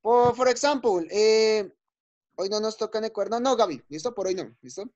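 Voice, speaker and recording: A male teacher leading an online class for young children. He is patient and encouraging, repeating each word slowly and checking in often. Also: sits high, darkish tone. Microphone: video call. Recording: dull lo-fi video call audio.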